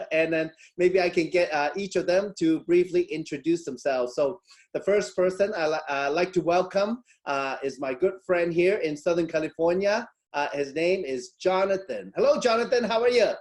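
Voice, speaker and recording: A man's voice: sits high, moderate pace. A middle-aged man from Hong Kong hosting an online webinar over a video call, chatty and full of fillers and restarts. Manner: chatty, many fillers and restarts, frequent laughs. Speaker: webinar host.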